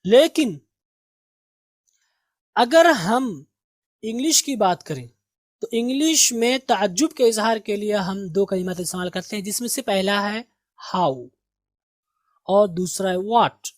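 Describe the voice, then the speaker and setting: A woman's voice: medium pitch, animated, slow pace, long pauses, no echo, clean studio sound. A woman teaching an English grammar lesson, patiently explaining, repeating words to drill pronunciation and asking the class questions.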